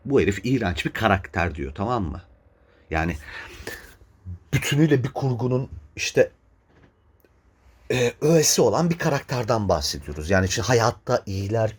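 A man's voice: lowish voice, husky. A man hosting a podcast, ranting in a heated, casual way, swearing and laughing in exasperated disbelief. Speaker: podcast host.

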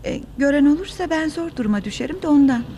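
A woman's voice: high voice, expressive, fast talker, mellow, slight background noise. An actress playing a guarded young woman ending an engagement in a radio drama, hesitant and evasive.

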